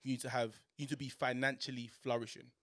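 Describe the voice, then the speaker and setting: A man's voice: medium pitch, little pitch movement, fast talker, fairly bright tone. A young man with a London urban street accent, hosting a casual podcast in slangy, questioning banter. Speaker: podcast host.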